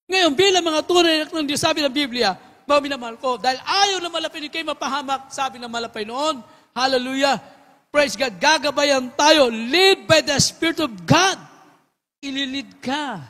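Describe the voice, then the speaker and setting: A male preacher giving a fervent sermon, dropping to a hush and then rising to shouted praise, and calling his listeners his beloved again and again. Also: extremely high pitch, moderate pace, in a large hall. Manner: keeps addressing listeners as beloved ones.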